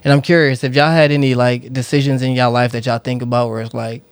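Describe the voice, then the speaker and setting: A man's voice: mid-range voice, little pitch movement, quick pace, clear, resonant tone, no room sound. A young man co-hosting a podcast, curious and full of questions, laughing often in casual chat. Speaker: podcast co-host.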